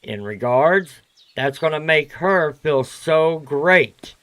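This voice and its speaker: A man's voice: on the high side, expressive, slow pace, fairly bright tone, smooth. A man casually joking and teasing while streaming a video game. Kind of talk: casual gameplay commentary.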